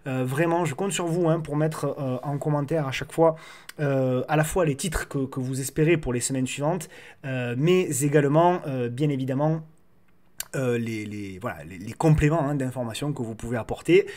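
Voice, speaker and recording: A man's voice: mid-range voice, moderate pace, a little mellow. A man hosting a casual market commentary video, repeating words as he feels his way through his phrasing. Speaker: host of a stock market analysis show.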